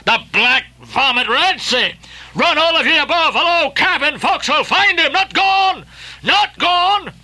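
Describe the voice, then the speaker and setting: A man's voice: very high voice, lively intonation, measured pace, sharp tone, no echo, full character voice. A man voicing an obsessed old sea captain who barks orders in grandiose, archaic speech. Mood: commanding. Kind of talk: dramatic audiobook reading.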